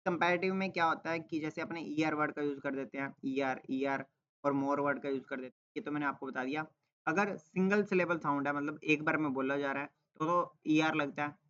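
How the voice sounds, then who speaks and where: A man's voice: on the high side, fairly quick, fairly bright tone, smooth, muffled recording. A man teaching English grammar in a classroom-style lesson, explaining step by step and checking in with his listeners as he goes. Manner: explains step by step, repeats "ठीक है" and asks rhetorical "क्या" questions.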